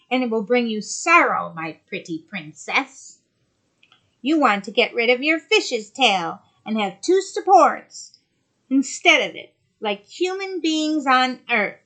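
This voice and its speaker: A shrill, cruel old sea witch crows her bargains in a loud, high, piercing voice, as a woman storyteller puts her on. Her lively tone swoops up and down with bright, sharp edges. A storybook villain who mocks whoever she speaks to. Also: full character voice.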